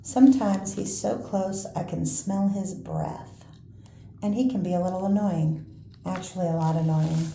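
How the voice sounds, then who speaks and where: An older woman with a gravelly grandma voice reading a children's picture book aloud, slowly and expressively with pauses for little asides. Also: on the low side, dark tone. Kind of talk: read-aloud children's storytelling. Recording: roomy echo, faint background noise.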